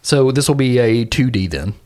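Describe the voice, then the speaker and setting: A man plays his character in a tabletop game with a mid-range voice. His pitch swings widely, and he often laughs as he lays out his moves. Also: normal speed. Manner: laughing, animated storytelling. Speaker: player.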